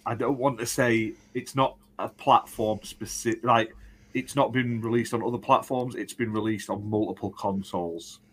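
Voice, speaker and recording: Low-voiced dude quizzing his mates, dry teasing tone, slow careful hints. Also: fairly even intonation. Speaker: quiz master on a podcast. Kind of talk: casual chat.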